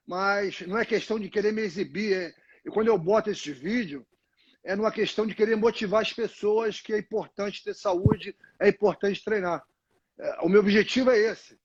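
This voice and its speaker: The dull, lo-fi audio comes from a phone on a tripod, capturing an older Brazilian man whose high voice has a breathy edge. A retired fighter and guest in a casual live interview, he tells long stories, rambling with frequent restarts and "né?" tags.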